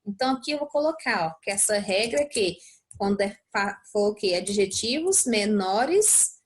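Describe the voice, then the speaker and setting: A woman's voice: mid-range voice, lively intonation, moderate pace. A young adult Brazilian woman teaching English, explaining a worksheet step by step and often checking in with her students. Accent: Brazilian Portuguese. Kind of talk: recorded lesson walkthrough.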